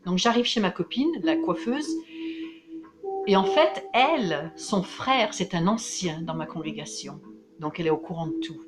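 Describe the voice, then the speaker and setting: A woman from France talking in a casual vlog monologue, excitable and emphatic, with frequent restarts. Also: fairly low pitch, normal speed, loud music behind the voice. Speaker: vlogger.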